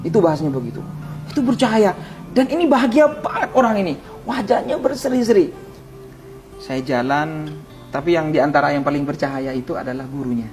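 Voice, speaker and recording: A man's voice: a little high, expressive, a little fast, darkish tone, faint music behind. A man, an Islamic preacher, giving an emotional testimony in an interview, tearful and prayerful, often calling the host by name. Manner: fervent storyteller who keeps calling the host by name; tearful, prayerful cries to God. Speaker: ustadz, interview guest.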